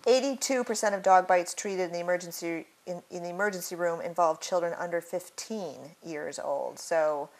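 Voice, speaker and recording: A woman's voice: lowish voice, normal speed, hardly any pauses, darkish tone. A woman hosting a casual educational chat, often agreeing with "right" and explaining points with statistics.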